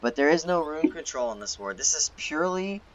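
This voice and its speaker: A man's voice: a little high, animated, fairly quick, a crowd in the background, low-quality recording. A man casting an esports match live, explaining the play in an analytical way. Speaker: esports caster.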